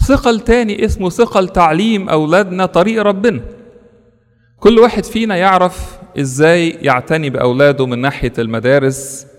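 A man's voice: high-pitched, brisk, in a large hall. A man with an Egyptian Arabic accent, a priest giving an earnest sermon that is full of rhetorical questions and lists.

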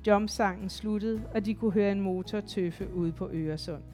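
A woman narrating a literary audiobook in an even, measured storytelling voice. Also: mid-range voice, soft background music.

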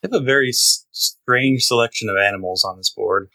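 A man co-hosting a podcast in casual chat, relaxed, playing sounds from a soundboard. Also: mid-range voice, brisk. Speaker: podcast co-host.

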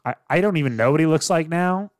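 A young man co-hosting a casual movie recap podcast, laughing often and telling stories in an animated way. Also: a little high, fast, no echo, clean studio sound. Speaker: podcast co-host.

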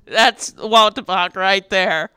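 A man's voice: high-pitched, extremely slow, sharp tone, clear, resonant tone, no room sound. A teenage boy co-hosting a school morning radio show, reading announcements in an upbeat way with playful asides. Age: teens. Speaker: student radio co-host.

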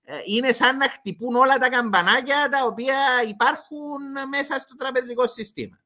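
A man's voice: very high voice, sharp tone. A man with a Cypriot Greek accent giving explanatory commentary as an expert guest in an interview.

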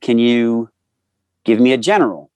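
A man in his forties, a voice actor telling animated anecdotes in a casual interview and acting out the people he quotes. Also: mid-range voice, moderate pace, smooth, dry recording. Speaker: voice actor guest.

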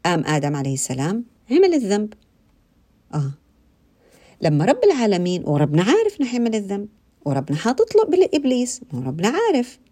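A woman delivers an informal religious talk in a conversational, animated way, repeating phrases and putting questions to her listeners. Her voice is mid-range and she speaks fast, pausing often.

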